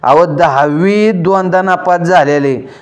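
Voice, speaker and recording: A man's voice: high voice, takes it slowly. A man telling a folk story in a wry, self-mocking way, calling out to his listeners.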